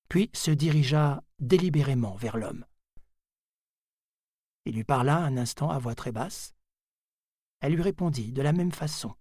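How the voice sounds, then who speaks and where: A man reads a novel aloud at an unhurried, measured pace. His voice has a faint husky grain, and the recording is dry and close with no room sound. The delivery stays deliberate and even as he tells the story. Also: mid-range voice, no echo. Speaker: audiobook narrator. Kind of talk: scripted narration of a novel.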